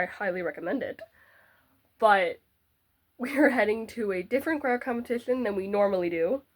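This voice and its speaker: A woman's voice: mid-range voice, no room sound. A teenage girl with a congested, stuffy voice, chatting casually to the camera while packing for a trip. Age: teens. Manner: chatty, bubbly, self-deprecating asides. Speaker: vlogger.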